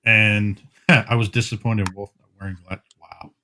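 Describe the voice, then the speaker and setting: A man co-hosting a podcast, telling how the show started in a rambling casual way, full of fillers and quick laughs. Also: lowish voice, steady tone, a crowd in the background. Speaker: podcast co-host. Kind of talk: casual chat.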